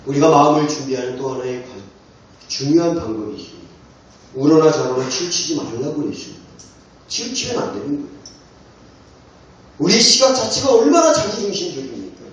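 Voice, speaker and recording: A man's voice: on the high side, very animated, fairly quick, pauses often. A man preaching a sermon to a congregation, asking them question after question with fervor. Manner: impassioned, rhetorical questions to the congregation. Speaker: pastor. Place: church sanctuary. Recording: echoey church hall, distant dull mic.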